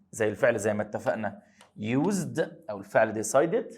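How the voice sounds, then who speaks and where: A man with an Egyptian Arabic accent teaching English grammar to high school students, asking questions and then answering them himself, and slowing down to spell out the English words.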